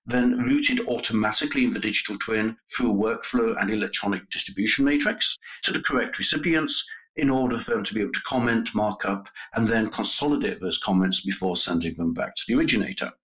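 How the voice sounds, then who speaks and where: A man with a fairly low voice explains things in a measured, steady way on a business podcast. The sound is a little dull. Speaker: industry executive guest. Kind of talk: podcast discussion.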